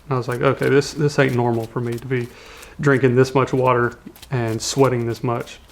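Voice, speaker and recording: A man telling, in a documentary interview, how he struggled through an ultramarathon, earnest and halting with many restarts. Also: mid-range voice, level tone. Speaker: ultramarathon runner telling his story.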